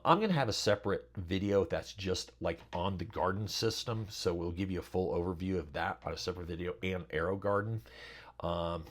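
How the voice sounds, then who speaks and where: A middle-aged man hosting a casual how-to talk, rambling with lots of fillers and chatty asides. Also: low-pitched. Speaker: channel host.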